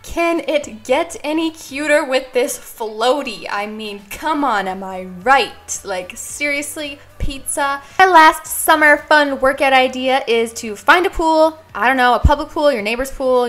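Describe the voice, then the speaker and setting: Bubbly high-voiced young woman vlogger. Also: measured pace, few pauses, fairly bright tone, faint music behind. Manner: bubbly, chatty, with many fillers of "like". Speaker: beauty and lifestyle vlogger. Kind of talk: casual vlog talk to camera.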